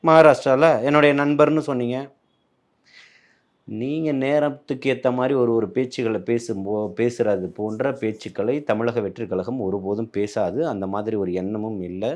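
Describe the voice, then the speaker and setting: A man's voice: mid-range voice, fairly even intonation, normal speed, darkish tone. A man, speaking as a party spokesman in a heated political interview, combative and full of rhetorical questions.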